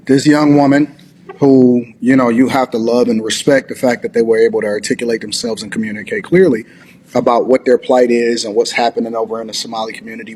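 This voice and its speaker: A man's voice: mid-range voice, darkish tone, slight background noise. A man hosting a reaction commentary, talking in long rambling sentences full of "you know". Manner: rambling, filler-heavy, argumentative. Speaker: commentary host.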